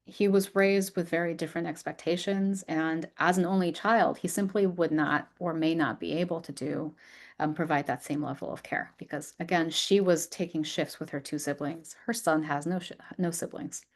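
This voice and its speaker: A woman's voice: low voice, fairly even intonation, moderate pace. A woman researcher giving an academic lecture, speaking thoughtfully with frequent ums and small restarts.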